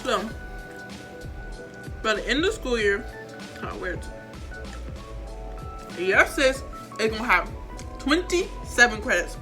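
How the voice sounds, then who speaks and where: This teenage girl talks through her grades and school credits in a chatty, meandering vlog, poking fun at herself along the way. She speaks unhurriedly with frequent pauses, in a slightly high voice that swings widely in pitch. Soft music can be heard behind her.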